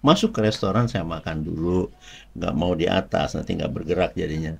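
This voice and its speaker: A man with a somewhat low voice tells a personal faith testimony. He speaks conversationally and keeps turning to his listeners with small asides. Light jokes run through his story. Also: brisk, creaky, darkish tone, husky.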